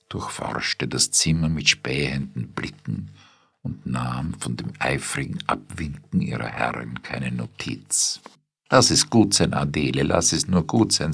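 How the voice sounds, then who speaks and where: A man reading a literary story aloud in measured, even narration. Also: extremely low pitch, vocal fry, husky. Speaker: audiobook reader.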